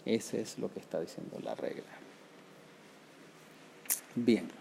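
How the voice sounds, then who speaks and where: Gravelly, dark-voiced man teaching Hebrew grammar. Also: lowish voice, a little hiss or hum. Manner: explains step by step, often checks with "¿verdad?" and "¿ok?"; sounds out Hebrew words slowly, syllable by syllable. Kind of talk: recorded grammar lesson.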